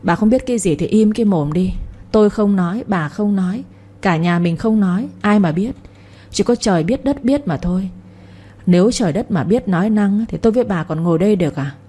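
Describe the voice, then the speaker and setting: A woman voicing a gruff, greedy village father who scolds and schemes. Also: mid-range voice, lively intonation, brisk, warm tone. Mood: scheming. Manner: coarse, scolding, domineering.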